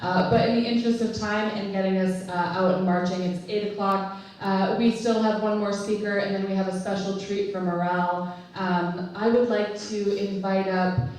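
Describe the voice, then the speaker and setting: A woman organizing a rally, announcing the next speaker in a halting way with fillers. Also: medium pitch, flat delivery, darkish tone, heavy reverb, distant mic, low-quality recording. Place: outdoor rally.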